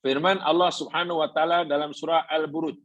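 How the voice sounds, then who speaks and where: A man's voice: fairly high pitch, little pitch movement, fairly quick, fairly bright tone, no echo. A man with a Malaysian Malay accent teaching a Quran class, explaining patiently, repeating his points and asking the congregation questions. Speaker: religious teacher.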